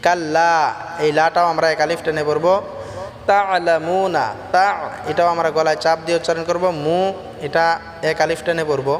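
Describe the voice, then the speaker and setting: A man teaching Quran recitation, chanting verses in a slow drawn-out melody and then explaining pronunciation plainly. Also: on the high side, completely flat delivery, in a large hall, a little hiss or hum.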